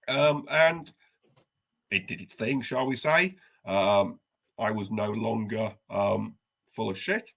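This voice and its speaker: A man co-hosting a podcast, telling a story in a wry, self-deprecating, animated way. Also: mid-range voice, creaky, husky. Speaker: podcast co-host. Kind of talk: casual storytelling chat.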